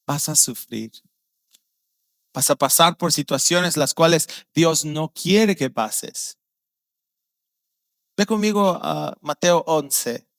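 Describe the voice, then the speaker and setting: A male pastor with a Guatemalan Spanish accent preaching a sermon, telling stories with vivid acted-out voices and dropping low and quiet on serious points. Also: no room sound. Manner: storytelling, acting out quoted voices with sudden loud outbursts.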